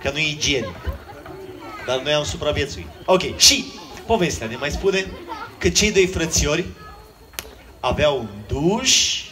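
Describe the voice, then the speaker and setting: A male children's magician spins a comic tale to a live crowd, playful and teasing. His slightly high voice swoops up and down. The stage mic picks up a noisy crowd behind him. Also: animated, pauses often, sharp tone. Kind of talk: live comedic storytelling to a crowd. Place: outdoor stage at a water park.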